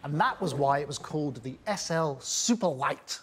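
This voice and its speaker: A man's voice: on the high side, expressive, normal speed, a little hiss or hum. A man speaking as a car expert in a documentary interview, gushing and playful. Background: background music.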